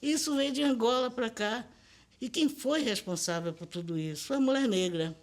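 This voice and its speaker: A woman's voice: fairly high pitch, normal speed. An older woman with a Bahian accent, speaking as a linguist in a documentary interview, lecturing emphatically and asking rhetorical questions.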